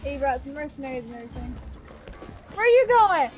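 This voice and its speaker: A woman with a high voice, big pitch swings and a brisk pace streams a video game from her home kitchen on a headset mic. She chats casually and echoes the characters' lines while game music plays in the background.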